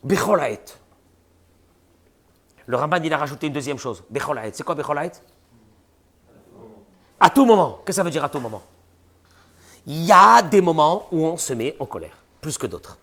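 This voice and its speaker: A man's voice: fairly high pitch, normal speed, pauses often. A man giving a religious lesson to listeners. He asks rhetorical questions and acts out the people he describes. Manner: animated, rhetorical questions, voices imagined people. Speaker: rabbi teaching a class.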